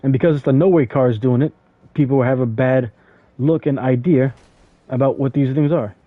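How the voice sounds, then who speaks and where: A gaming streamer gives casual commentary while he plays, rambling with plenty of fillers and stammered restarts. His voice sits at medium pitch and moves at a moderate pace. The audio is dry and tinny, like a phone.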